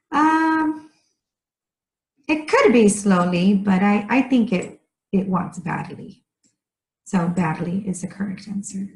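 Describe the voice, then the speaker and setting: Woman, ESL teacher, very slow careful delivery, repeats key words, roomy echo. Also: medium pitch. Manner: speaks slowly and deliberately, repeating key words. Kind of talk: slow, clearly enunciated grammar lesson.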